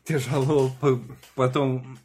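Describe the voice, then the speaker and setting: A man co-hosting a podcast, talking casually in halting phrases with repeated words. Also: medium pitch, flat delivery, darkish tone. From immigrant to Canada. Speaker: podcast co-host. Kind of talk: casual chat.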